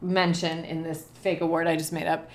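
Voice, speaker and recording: Woman with a lowish voice, stops and starts, hunting for words, amused. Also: level tone. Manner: halting, searching for words, amused. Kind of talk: casual chat.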